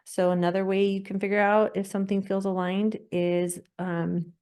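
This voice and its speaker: A woman podcast host leading a gentle guided breathing exercise, often laughing and slowing down as she guides. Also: mid-range voice, level tone, smooth.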